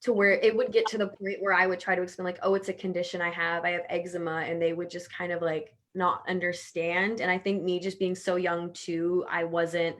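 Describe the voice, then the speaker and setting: Young woman from Houston, lower pitch, reflective guest, heavy use of fillers. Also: a bit bright. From Houston, Texas. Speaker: panel guest. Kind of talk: personal testimony in conversation.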